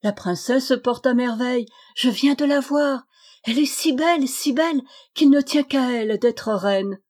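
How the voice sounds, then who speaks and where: A kind good fairy from a storybook speaks in a bright, reassuring way, as a woman reading aloud puts her on. She is motherly and lively, and she praises and comforts. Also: mid-range voice, a little slow, lightly acted.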